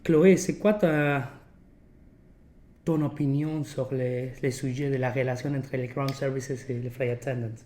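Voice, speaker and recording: A man hosting a casual podcast in French as a second language, with a foreign accent and halting, searching phrasing peppered with English words. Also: mid-range voice, fairly even intonation, mellow. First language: not French. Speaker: podcast host.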